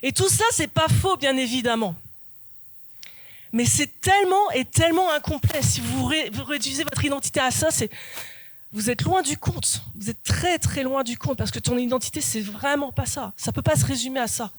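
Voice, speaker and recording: Woman, pastor, high voice, earnest sermon, repeats key lines, dry close mic. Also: normal speed, no room sound. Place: church.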